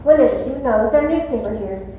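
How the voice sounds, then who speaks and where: A woman's voice: on the high side, rapid-fire, dark tone, highs cut off, lightly acted. A woman on a stage playing a glamorous, affected actress with a theatrical, swooning delivery in a live play. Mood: elated. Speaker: stage actor. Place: large auditorium stage. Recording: echoey hall, faint room noise.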